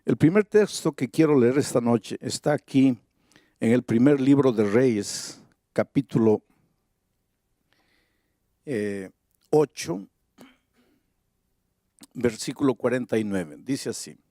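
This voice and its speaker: A man preaching a sermon, reading Bible verses slowly and deliberately and building to emphatic high points. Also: warm tone, no echo, studio quality.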